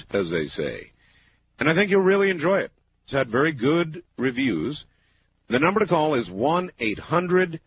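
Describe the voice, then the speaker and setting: A man with a smooth radio host delivery, running a late-night call-in show and talking to his listeners. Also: mid-range voice. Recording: tinny lo-fi radio broadcast with faint hiss.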